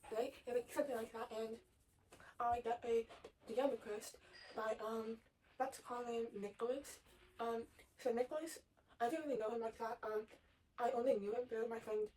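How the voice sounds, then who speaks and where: A woman's voice: a little high, a little mellow. A young woman from Texas, a little out of breath, telling a casual story with lots of fillers and swearing. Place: her bedroom. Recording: far from the mic, faint room noise.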